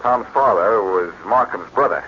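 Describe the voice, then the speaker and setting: In a piece of 1940s radio drama, a man whose voice is on the low side and pace a little slow portrays a sleuth who used to be a thief, wry and self-assured. He sounds cool and sardonic yet lively. The audio is an old, muffled radio transfer with hiss.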